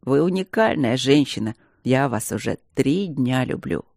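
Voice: mid-range voice, lively intonation, vocal fry, darkish tone, no echo, studio quality, pitched below the performer's own voice. A narrator voicing a capricious, ironic young aristocrat patient in an audiobook. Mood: wheedling. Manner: slow, wheedling, ironic. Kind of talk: audiobook character reading.

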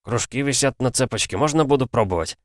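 A man voicing an excited young male tank mechanic who speaks in broken grammar. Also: mid-range voice, fast talker, no echo, clean studio sound, voice pushed up, close to an everyday voice.

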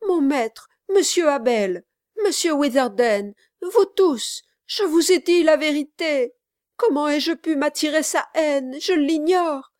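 A woman reading an audiobook aloud, voicing an honest young male servant who pleads loudly and anguished. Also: high voice, slow, no echo, clean studio sound, pitched above the performer's own voice.

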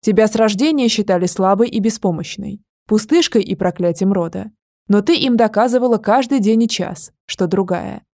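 A woman's voice: medium pitch, normal speed, mellow, dry recording, clean studio sound, lightly acted. A woman voicing a young male dragon who presses his point urgently and insistently.

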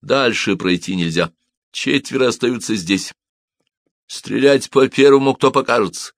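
A man's voice: mid-range voice, expressive, unhurried, gravelly, dry recording, clean studio sound, pitched above the performer's own voice. A man reading the part of a stern male officer barking short commands. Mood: commanding. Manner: curt, giving orders.

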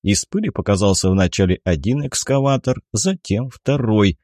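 Low-voiced male audiobook narrator, dry. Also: lively intonation, normal speed, a little mellow, no room sound. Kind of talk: scripted narration.

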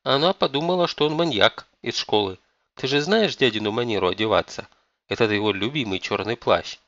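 A man's voice: mid-range voice, fairly quick, no echo, dull audio, lightly acted. A man voicing a weary sorrowful mother. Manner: soft, sorrowful. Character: weary, ashamed middle-aged mother.

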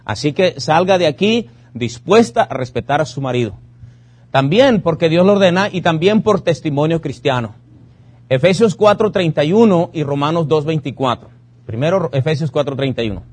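Husky-voiced pastor preaching emphatically. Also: male voice, a little high, lively intonation, moderate pace, darkish tone. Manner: emphatic preaching with rhetorical questions and repeated commands. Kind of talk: sermon. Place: church.

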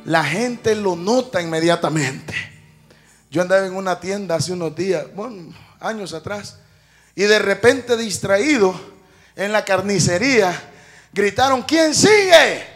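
A man preaching a sermon, moving from calm storytelling to shouted exhortation and often calling out to the brothers. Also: high voice, a little slow, soft background music. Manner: calls the congregation brothers often.

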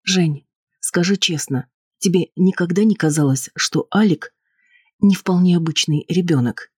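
A man lifting his voice to play a nervous, insistent wife, pitched well above his usual register, husky and sharp-edged. She pleads and snaps defensively, in a dry, close recording of an audiobook. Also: unhurried, no echo. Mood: worried. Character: anxious, insistent wife, adult woman.

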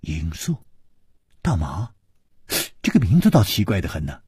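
A man's voice: sits low, wildly swooping pitch, unhurried, dark tone, breathy edge, voice pushed down, full character voice. Chu Liuxiang, a man doing a sly charming thief. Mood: wistful.

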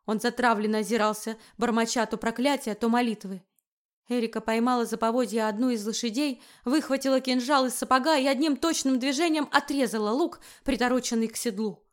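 Woman reading fantasy audiobook, slightly high voice, steady and expressive. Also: fairly quick. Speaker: audiobook narrator. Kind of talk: scripted fantasy narration.

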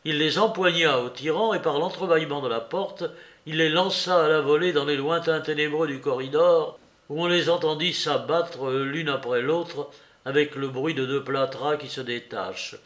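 A man reading a classic novel aloud as an audiobook narrator, measured and expressive. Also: on the high side. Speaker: audiobook reader.

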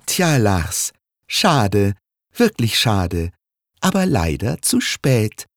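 A man voicing a relaxed mother who teases her husband with smug, mock sympathy, in a read-aloud storybook. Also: on the low side, drawn-out words, no room sound, studio quality, voice pushed up, full character voice. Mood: gloating. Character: a mother, relaxed, teasing, quiz fan.

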